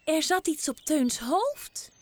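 A woman's voice: sits high, very animated, slow, a little mellow, no room sound, voice pushed up, heavily acted. A woman voicing a playful, teasing little girl in a children's story. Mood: cheeky. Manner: teasing, bold.

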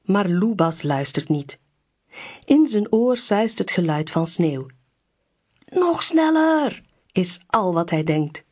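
A woman reading a children's picture book aloud in a slow, clear storybook delivery. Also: lowish voice, lively intonation, darkish tone.

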